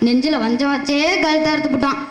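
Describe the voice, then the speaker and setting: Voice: high voice, steady tone, fast, reverberant, noisy background, lightly acted. An actor doing a wailing comic poor poet. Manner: comic lamenting, wailing, sarcastic. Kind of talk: Tamil stage-play comedy acting.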